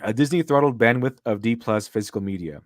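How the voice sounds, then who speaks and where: A man's voice: medium pitch, animated, fast, no room sound. A man co-hosting a livestream, reading chat and mocking critics in a sarcastic, laughing way, with a dry close sound. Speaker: streamer and co-host.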